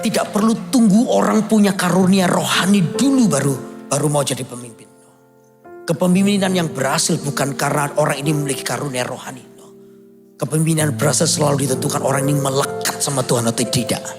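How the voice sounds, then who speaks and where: A pastor, preaching with animated storytelling and loud, high bursts of emphasis. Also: male voice, fast, loud music behind the voice. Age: 50s. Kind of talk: sermon. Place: large church hall.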